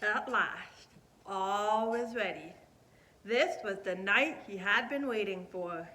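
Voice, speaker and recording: A woman hosting a children's puppet storytime, narrating with expressive, emphatic delivery. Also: medium pitch, takes it slowly.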